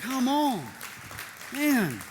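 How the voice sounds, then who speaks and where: A middle-aged male pastor preaching a sermon, energetic and lively, with joking asides and calls to the congregation. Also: very high-pitched, very slow, crowd noise, background noise. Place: church sanctuary. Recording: reverberant church hall.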